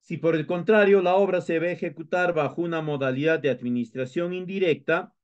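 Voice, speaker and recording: Speaking briskly in a fairly high, clear, resonant voice, this male instructor with a Peruvian Spanish accent works through a lecture step by step. He hesitates and restarts often, and the recording is dull and lo-fi.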